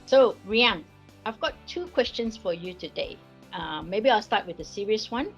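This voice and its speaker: A woman from Singapore with a Singaporean accent speaks casually as a risk advisory partner in a workplace interview. She is friendly and animated, using fillers, with a medium-pitched voice at normal speed. The recording is muffled, with soft music in the background.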